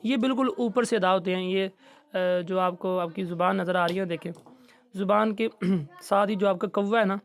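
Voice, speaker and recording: A man teaching Quran recitation in a recorded lesson, patiently explaining and slowly drawing out each letter sound. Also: high-pitched, steady tone.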